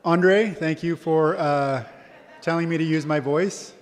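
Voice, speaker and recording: The emcee of a college convocation, a man with a higher-pitched voice, speaks at a measured pace as he gently laughs and encourages people to return to their seats. His announcements carry long reverb from the large hall.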